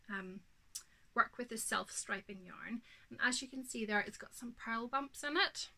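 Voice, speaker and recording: A woman in her thirties from Northern Ireland, with a mid-range, sharp-toned voice, is showing and telling about her knitting on her podcast. She chats casually and without hurry from her craft room at home, full of ums, a little snuffly from hay fever.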